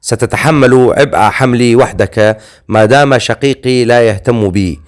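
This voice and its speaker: A man's voice: mid-range voice, normal speed, close to an everyday voice. A man reading the lines of a proud, wounded noblewoman warrior in an audiobook, speaking in a haughty, commanding way.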